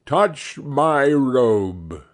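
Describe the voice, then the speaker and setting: A man's voice: mid-range voice, very animated, very slow. A man voicing a jolly, genial giant Christmas spirit who speaks in a cheery, commanding way.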